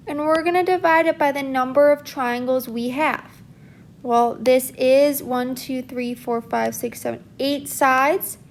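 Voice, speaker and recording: High-voiced woman teaching math step by step. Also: a little hiss or hum. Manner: steady, step-by-step explaining while writing. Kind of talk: recorded math lesson walkthrough.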